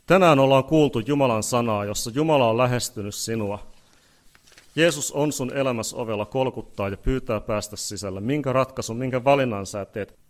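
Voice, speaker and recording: A man preaching an evangelistic sermon, pleading earnestly with listeners, repeating phrases and building to loud peaks before leading a prayer. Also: medium pitch. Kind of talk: leads a spoken prayer.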